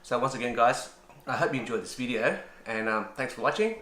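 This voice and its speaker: A man hosting a casual cooking demonstration, chatty and relaxed with frequent ums. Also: mid-range voice, fairly quick, reverberant. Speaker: cooking channel host.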